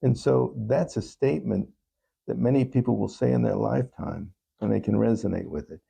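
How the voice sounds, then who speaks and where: Gravelly yet mellow, with a breathy edge, this mid-range male voice moves a little fast. As an interview guest, he speaks earnestly about writing his songs, often repeating phrases to stress them.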